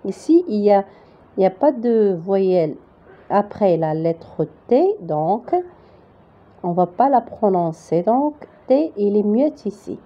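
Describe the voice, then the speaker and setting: A woman's voice: mid-range voice, expressive, slow. A woman teaching French reading, spelling words out letter by letter and checking with "d'accord?". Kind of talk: slow spelled-out reading lesson. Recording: dull lo-fi home recording.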